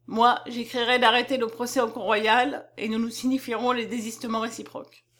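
A woman reading the lines of a shrewd male provincial lawyer in an audiobook, brisk and self-assured. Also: on the high side, level tone, fairly bright tone, close to an everyday voice. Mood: persuasive. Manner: brisk, confident persuasion.

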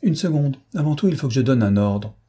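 A man's voice: medium pitch, lively intonation, brisk, mellow, husky, voice pushed up. A man voicing a stern middle-aged male official, clipped and condescending. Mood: authoritative.

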